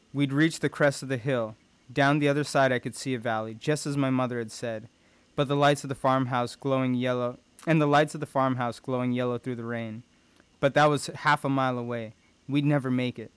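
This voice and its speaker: A man's voice: medium pitch, clear, resonant tone, no room sound. A man reading a first-person adventure story aloud with tense, dramatic delivery. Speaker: audiobook narrator. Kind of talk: first-person audiobook narration.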